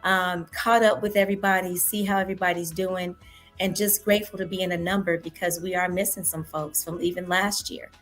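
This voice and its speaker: A woman co-hosting a morning talk show, chatting casually and telling stories with a sultry, husky voice. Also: lowish voice, level tone, a little fast, fairly bright tone, faint music behind. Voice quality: sultry, husky from homecoming weekend. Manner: chatty and storytelling, calls listeners honey.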